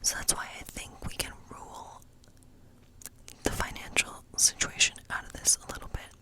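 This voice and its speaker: In this whispered ASMR tarot role play, a woman takes on the part of a kindly fortune-telling witch. She speaks slowly and reflectively, thinking out loud over the reading.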